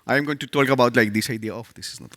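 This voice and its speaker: A man racing through a live conference talk on stage speaks with a Spanish accent, Spanish being his first language. He hesitates a lot, with many fillers and restarts, and his medium-pitched voice is a bit bright.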